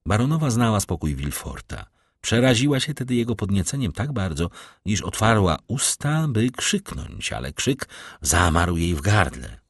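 A man narrating an audiobook with an even storytelling delivery. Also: on the low side, moderate pace, slightly rough, dry recording, studio quality. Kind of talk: scripted narration.

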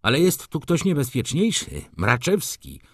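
A man voicing an excitable, fussy old male shop clerk in an audiobook, talking eagerly and persuasively. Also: medium pitch, moderate pace, dry recording, clean studio sound, pitched above the performer's own voice. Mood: chattering, gossipy.

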